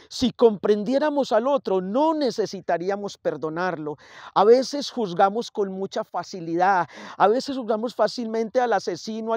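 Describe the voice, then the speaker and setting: A man's voice: high-pitched, a little mellow, no echo. Male priest, reflective homily delivery, close dry recording. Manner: reflective, builds points through lists and repetition. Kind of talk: sermon.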